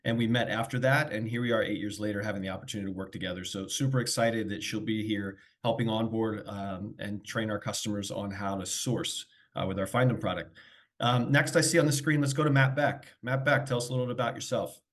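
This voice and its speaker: A man's voice: on the low side, fairly even intonation, brisk, a bit bright. A man hosting a corporate webinar over a video call, presenting with energy and talking fluently with a few fillers. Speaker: webinar host.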